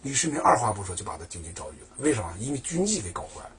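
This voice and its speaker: Husky, lively male history storyteller. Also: mid-range voice, rapid-fire. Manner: lively, chatty, asks and answers his own questions.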